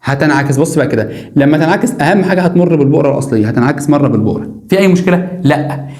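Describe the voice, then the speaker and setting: A male teacher with an Egyptian Arabic accent rattles through a science lesson at great speed. He repeats key words over and over and keeps firing questions at the viewer. His somewhat high voice rings in an echoey room. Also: animated, very fast, darkish tone. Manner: repetitive, emphatic, drills key words and asks the viewer questions. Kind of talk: classroom lesson explaining diagrams.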